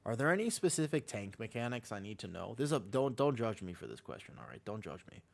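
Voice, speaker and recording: Here's a gaming livestreamer with a fairly low, very animated voice, talking fast with vocal fry. He chats loosely and slangily with viewers and teammates.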